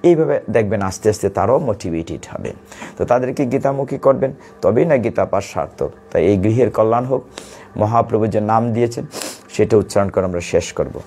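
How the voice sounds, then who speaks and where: A man giving a devotional sermon to a home gathering, reciting verses slowly and then explaining them. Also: fairly low pitch, animated, mellow. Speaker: Gita preacher.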